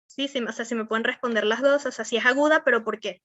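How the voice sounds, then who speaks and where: A young woman teaches an online class in a Venezuelan accent. Her voice sits a little high and sounds bright and sharp, with plenty of fillers and constant check-ins with the students. The dry, dull lo-fi audio has no room sound. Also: fairly even intonation, fast, no echo. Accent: Venezuelan Spanish. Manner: rambling, many fillers like "o sea" and "este". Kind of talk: online class on verbal skills.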